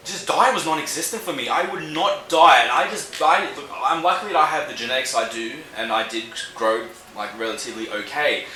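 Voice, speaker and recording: A man's voice: medium pitch, pushed and bright. A young man with an Australian accent giving casual fitness advice, laid-back and full of slang and fillers. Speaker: fitness vlogger. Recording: echoey room with faint music.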